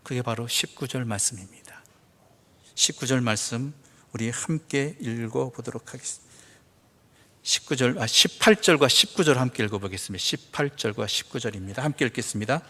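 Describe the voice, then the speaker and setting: A man preaching a sermon as pastor. He swings between loud emphatic passages and hushed near-whispers, and he asks rhetorical questions. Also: mid-range voice, a little fast. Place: church sanctuary. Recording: church hall with long reverb.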